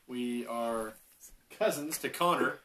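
A man in his twenties, a podcast guest, telling a story in a relaxed, rambling way with restarts. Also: medium pitch, slow, slight background noise. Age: 20s. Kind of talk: casual storytelling chat.

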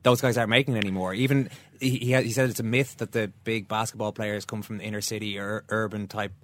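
A man with a Dublin accent hosts a casual sports conversation. He talks quickly, in a lowish voice. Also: steady tone. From Dublin, Ireland. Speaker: sports podcast host.

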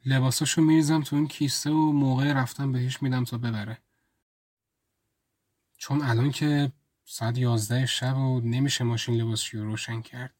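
Guy reading his own story like he's thinking out loud, mid pitch, close dry mic. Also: flat delivery, no echo. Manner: intimate, reflective inner monologue. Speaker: storyteller and writer. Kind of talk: first-person story narration.

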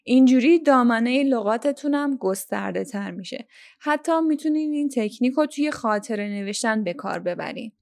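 A young woman from Iran hosts a language-learning podcast, her voice sitting a little on the high side. She explains each tip in a clear, instructive way, speaking straight to her listeners as she works through the episode. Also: animated, a little mellow. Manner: instructive, addresses listeners directly. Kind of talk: scripted podcast lesson.

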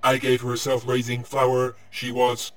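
A polite robot butler, as a man acts him out, speaking in a dead-level monotone with almost no rise or fall. He stays formal and courteous in a mid-pitched male voice and takes every instruction literally. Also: normal speed, lightly acted. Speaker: comic sketch performer. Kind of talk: sketch comedy acting.

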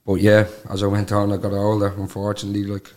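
A man's voice: lowish voice, monotone, fast, darkish tone. A man in his twenties with a Dublin Irish accent, talking candidly in a casual interview with colloquial filler phrases. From Dublin, Ireland. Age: 20s. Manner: colloquial, peppered with "like" and "you know what I mean". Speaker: podcast guest.

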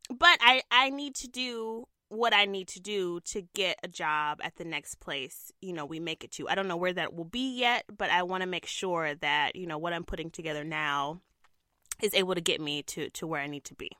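Bright, chatty young woman podcaster. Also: on the low side, moderate pace, no room sound, studio quality. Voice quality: throaty and nasal. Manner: chatty, laughs often, many fillers. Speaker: podcast co-host and TV news reporter. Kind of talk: casual podcast chat.

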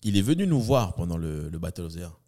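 A man's voice: very animated, fast, dark tone. A man, a comedian and entertainer telling stories from his career as a guest, slipping into other people's voices as he goes. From New Caledonia. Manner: acts out voices in his anecdotes, swinging pitch widely. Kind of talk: animated storytelling.

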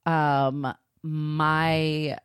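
A woman's voice: low voice, little pitch movement, extremely slow, clear, resonant tone, dry recording, studio quality. A woman co-hosting a podcast for parents, talking candidly and self-deprecatingly in a casual style. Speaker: podcast co-host and mother. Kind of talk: casual podcast chat with scripted announcements.

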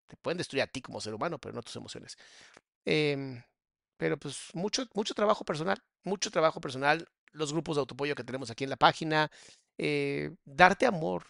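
A man's voice: on the high side, animated, brisk, creaky, fairly bright tone, dry recording, clean studio sound. A man, a psychologist, commenting casually on a clip and answering viewer questions in a familiar, affectionate way. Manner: casual, calls listener mi amor and bebé. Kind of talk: reaction commentary.

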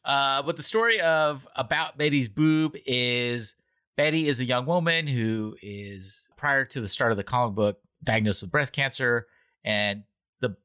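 Rambling male podcast host with a bright voice. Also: medium pitch, unhurried, clear, resonant tone. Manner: rambling, self-correcting, animated. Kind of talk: casual book club chat.

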